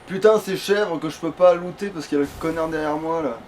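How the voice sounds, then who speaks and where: A man playing a video game for a let's play grumbles casually and swears freely as he goes. His voice is a little high, a little fast and a little mellow, caught in a noisy home recording.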